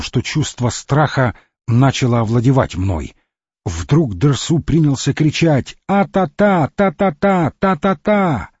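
A man narrates an expedition memoir in a measured, steady audiobook reading. His voice is husky and dark. The recording is dry and dull, with a lo-fi edge. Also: mid-range voice, dry recording. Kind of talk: scripted narration of an adventure memoir.

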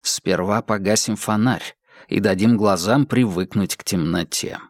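A man voicing a calm, commanding male detective in a whispered role-play, his whisper low and steady. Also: measured pace, no echo, clean studio sound.

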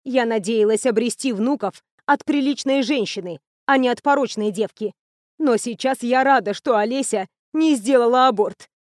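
A woman's voice: on the high side, no room sound, studio quality, close to an everyday voice. Woman reading a stern, commanding professor. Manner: brisk, authoritative, curt.

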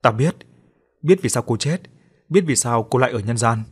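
A man voicing a wise exorcist master in a ghost story, speaking in a measured, authoritative way. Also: mid-range voice, expressive, husky. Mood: solemn.

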